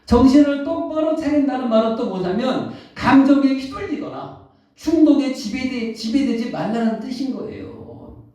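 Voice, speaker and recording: A man preaching a sermon as pastor, questioning the congregation and answering himself, reading scripture slowly. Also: very high voice, expressive, mellow. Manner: reads scripture slowly and deliberately. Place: church sanctuary. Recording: echoey hall, distant, dull mic.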